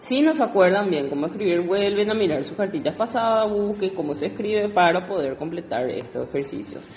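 A woman teaching English to Spanish speakers, explaining exercises and reading each word slowly twice. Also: medium pitch, lively intonation, darkish tone, echoey room, big-room sound, faint music behind. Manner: switches between Spanish and English, reads words slowly twice. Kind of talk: recorded lesson explaining exercises.

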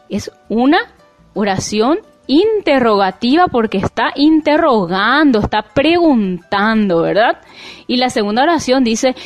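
Lively high-voiced woman teaching. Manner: slow, clear, teacherly explaining. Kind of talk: classroom lesson.

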